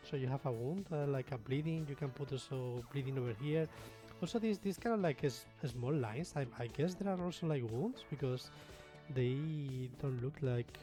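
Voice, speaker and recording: A man's voice: fairly high pitch, warm tone. A young man with a Spanish accent, explaining his miniature painting in a rambling, self-deprecating way with lots of fillers. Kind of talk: casual tutorial talk.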